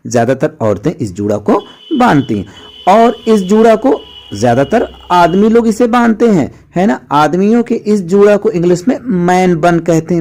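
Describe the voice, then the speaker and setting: A man with a high, warm voice explains an English vocabulary lesson in Hindi. He addresses his viewers as friends and patiently repeats each word and what it means.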